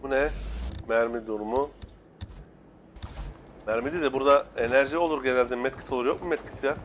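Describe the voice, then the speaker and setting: A young man casually commenting while playing, excitable and cursing at the game, shouting now and then. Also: medium pitch, fairly quick, slight background noise. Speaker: gaming YouTuber. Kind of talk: Let's Play commentary.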